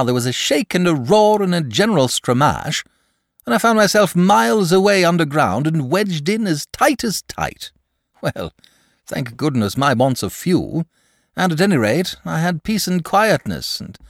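A man's voice: fairly high pitch, dry recording, clean studio sound, pitched above the performer's own voice. A man voicing a lazy, talkative, genial male dragon in a fussy, hasty, old-fashioned manner.

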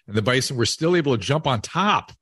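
A man hosting a casual interview, rambling and thinking aloud in a halting way. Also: medium pitch, animated, fairly bright tone, slightly rough, no echo. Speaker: podcast host and interviewer.

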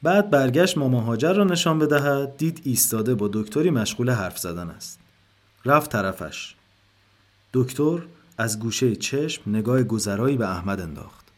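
A man narrating a literary short story in a calm, measured way. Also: medium pitch.

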